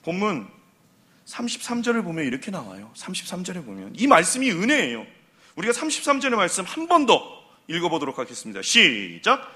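A high, bright man's voice carries this sermon, swinging widely up and down as he preaches. He is a middle-aged pastor who acts out the voices he quotes, from scolding to pleading. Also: wildly swooping pitch, brisk.

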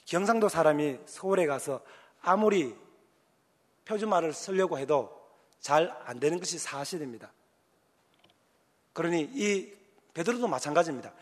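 A male pastor with a Gyeongsang accent preaching a sermon, telling the story with emphasis and acting out voices. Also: a little high. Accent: Gyeongsang Korean. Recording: long hall reverb.

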